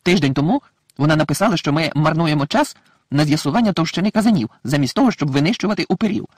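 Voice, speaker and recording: A man's voice: fairly high pitch, expressive, fast, darkish tone, no room sound, studio quality. Percy Weasley, a man doing a pompous young clerk. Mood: indignant. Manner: pompous, indignant lecturing. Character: pompous, self-important young wizard official.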